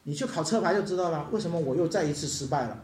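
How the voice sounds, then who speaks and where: A preacher giving an animated sermon, dropping English words into the talk and asking the congregation questions. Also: mid-range voice, rapid-fire. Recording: echoey hall.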